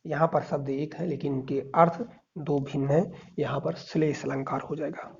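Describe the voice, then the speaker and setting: A man's voice: on the high side, flat delivery, normal speed, gravelly, muffled recording. A male teacher giving an exam-prep grammar lesson, explaining step by step and reciting verse examples.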